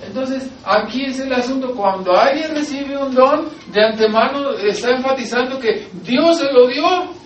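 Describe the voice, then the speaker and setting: A man's voice: extremely high pitch, moderate pace, reverberant, recorded from a distance, a little hiss or hum, rough recording. A man with a Mexican Spanish accent preaching a sermon as pastor, emphatic, posing rhetorical questions and answering them. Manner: emphatic, rising to loud exhortation, asks and answers rhetorical questions.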